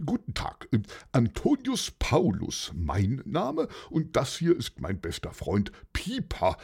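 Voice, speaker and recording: A man as a gentle, hesitant middle-aged friend. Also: medium pitch, wildly swooping pitch, slow, vocal fry, slightly rough, heavily acted. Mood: nervous.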